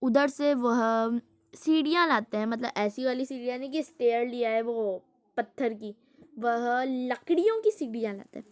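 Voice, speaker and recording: A woman with a fairly high voice reads a children's picture book aloud and keeps pausing to explain it in her own words. Her talk is chatty and amused, with long roundabout explanations. The recording is dry and close, with no room sound. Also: smooth, no room sound. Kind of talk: casual read-aloud with explanations.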